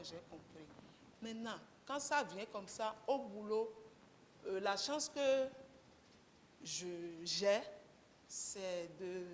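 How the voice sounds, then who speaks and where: A woman, a guest speaker talking candidly and conversationally, with gentle humor, to a breakfast audience. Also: mid-range voice, big-room sound, slight background noise. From Benin. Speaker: guest speaker, mechanic and garage co-owner.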